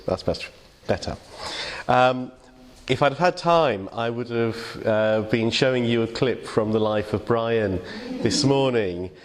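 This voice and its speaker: A man's voice: mid-range voice, measured pace. An English man giving an informal, conversational sermon reflection in church, with many fillers and restarts. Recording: long reverb of a church hall.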